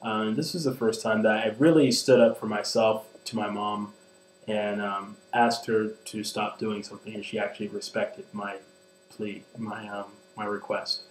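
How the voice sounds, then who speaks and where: A man's voice: lowish voice, flat delivery, normal speed. A man in his twenties speaking in a personal vlog, earnest and hesitant, with many ums and restarts. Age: 20s. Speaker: vlogger. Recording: echoey room with mains hum.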